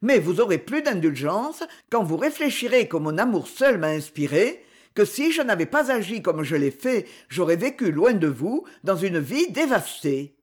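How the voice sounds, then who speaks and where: A woman voicing a smooth-talking, deceitful married man in a read-aloud novel, with low, insistent, persuasive speech. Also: sing-song, moderate pace. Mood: pleading. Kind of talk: audiobook character voice.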